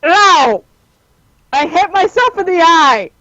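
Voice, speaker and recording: Woman player, high and loud, exclamatory; mic clipping with fuzz distortion, muffled lo-fi. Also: slow pace. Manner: excitable, yelps and exclaims loudly. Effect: mic clipping into fuzzy distortion when she gets loud. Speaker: tabletop game player. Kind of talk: casual online game-night chat. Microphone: home microphone on a voice call. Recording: dull lo-fi mic with faint noise.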